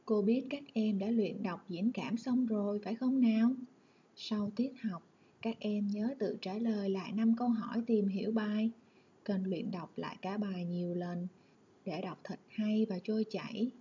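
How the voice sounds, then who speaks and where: Mellow-voiced woman teaching children. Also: mid-range voice, highs cut off. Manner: warm, clear and instructive, addressing children. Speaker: primary school teacher. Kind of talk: online lesson narration.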